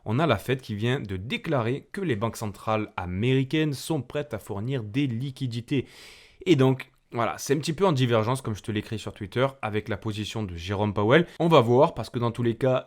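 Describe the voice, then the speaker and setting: A man with a French accent hosting a casual market commentary, chatting to the viewer and walking through charts. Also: mid-range voice. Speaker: crypto channel host.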